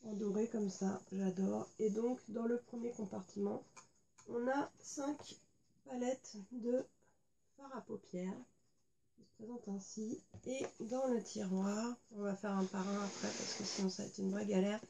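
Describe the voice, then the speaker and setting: A woman talks casually at home, pausing often with fillers as she shows things. Her voice is gravelly and mellow, with a touch of fry. Faint noise hangs behind her. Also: mid-range voice, steady tone. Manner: chatty, many fillers, hesitant. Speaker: beauty vlogger. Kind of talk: casual unboxing chat. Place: indoors at home.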